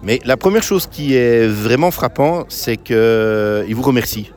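A middle-aged man from Belgium, a volunteer answering a street interview at an evening barbecue, speaking haltingly with many restarts. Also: medium pitch, darkish tone.

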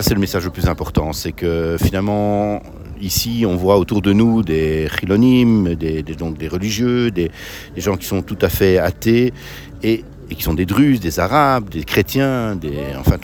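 A middle-aged man from Belgium, a volunteer answering a street interview at an evening barbecue, speaking haltingly with many restarts. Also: low voice, a little mellow, a little hiss or hum.

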